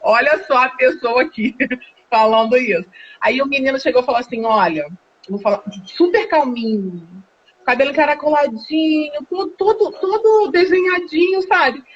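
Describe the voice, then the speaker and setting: A Brazilian woman telling her own story in a casual, animated way, laughing often and acting out the dialogue. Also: high voice, normal speed. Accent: Brazilian Portuguese. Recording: dull lo-fi live stream audio.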